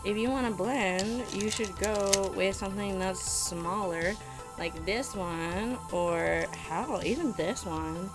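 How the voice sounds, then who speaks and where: A woman with a medium-pitched voice gives casual makeup tips and reactions. She is sassy, blunt and self-mocking, and music plays clearly behind her. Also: slow. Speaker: makeup vlogger. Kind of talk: casual reaction and tutorial chat.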